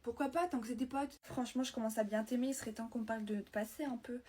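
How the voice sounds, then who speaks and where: A young woman performing comedy sketches, quick and teasing, shifting between characters. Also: a little high, steady tone, dark tone, slightly rough.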